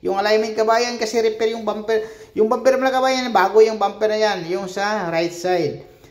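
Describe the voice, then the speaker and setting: A man from the Philippines talks in a high, light voice as he works in an auto body shop. He chats casually and keeps turning to address his viewers as countrymen while he walks through each repair step. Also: steady tone, normal speed.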